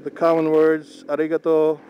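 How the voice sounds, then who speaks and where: A young Filipino vlogger whose first language is Tagalog talks casually while driving, slow, unhurried and halting with pauses. His fairly high voice is monotone and the lo-fi recording from inside the moving car picks up a faint engine hum and road noise.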